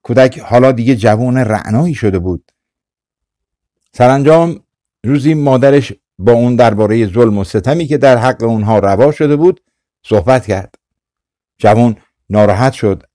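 A man reading a folktale aloud for an audiobook in a calm, measured storytelling manner. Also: medium pitch, no room sound, studio quality. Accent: Persian. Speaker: audiobook narrator. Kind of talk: scripted storytelling narration.

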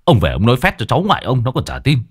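A man's voice: medium pitch, wildly swooping pitch, very fast, breathy edge, dry recording, clean studio sound. A man doing a stammering panicky young man. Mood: exasperated. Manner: stammering, pleading.

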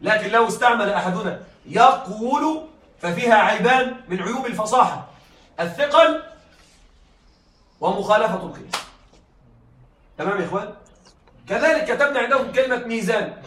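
A man's voice: sits high, lively intonation, a little fast, long pauses, bright, forceful tone. A male teacher giving a classroom lecture, explaining step by step and often checking that his students follow. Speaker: teacher of Arabic rhetoric. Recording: echoey room, voice from far off.

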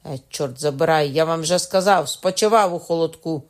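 A woman narrator voices a stubborn young nobleman on the torture rack. He jeers at his questioners in a raised, pushed-up voice, then cries out high and loud with every blow. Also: moderate pace. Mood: defiant mocking. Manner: mocking, then howling in pain. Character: defiant young male nobleman under torture.

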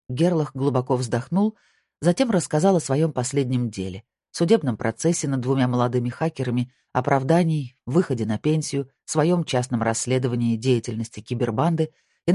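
A woman narrating an audiobook in an even, measured reading. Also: very deep voice, no room sound, clean studio sound. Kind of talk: scripted narration.

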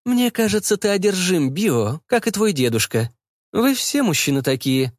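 A man's voice: sits high, sing-song, normal speed, no echo, clean studio sound, pitched above the performer's own voice. Man putting on a bossy doting mother. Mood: scolding. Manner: insistent, scolding, fussy. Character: bossy, doting, meddling middle-aged mother.

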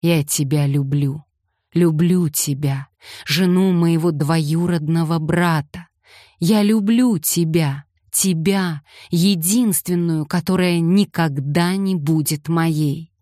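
A woman's voice: low voice, slow pace, dark tone, dry recording, studio quality. Woman voicing a bitter, mocking nobleman. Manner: hoarse, sarcastic outbursts. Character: bitter, mocking young male aristocrat in love.

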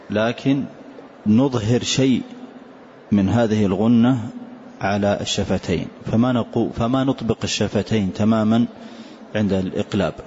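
A man teaching a tajweed lesson, explaining slowly and reciting short words to demonstrate pronunciation. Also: on the low side, a little mellow. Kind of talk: classroom lesson on tajweed rules. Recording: dull lo-fi lecture recording with faint hiss.

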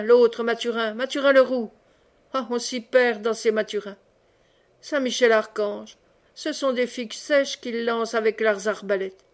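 A woman's voice: on the high side, lightly acted. A woman reading the part of a merry, chatty old friar who brawls and banters, in an audiobook. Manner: merry, rambling, teasing.

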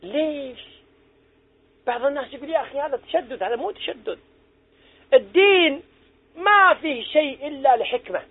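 High-voiced preacher, tinny sound. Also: male voice, animated, moderate pace, pauses often, dry recording. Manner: earnest, exhorting, asks listeners questions. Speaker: preacher teaching young people. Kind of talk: religious lesson. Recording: tinny phone-like recording.

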